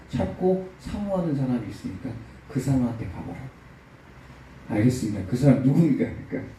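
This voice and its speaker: A man's voice: mid-range voice, dark tone, heavy reverb, distant mic, a little hiss or hum, low-quality recording. A male pastor preaching a sermon, telling a story with acted-out quotes and building to emphatic peaks. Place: church sanctuary.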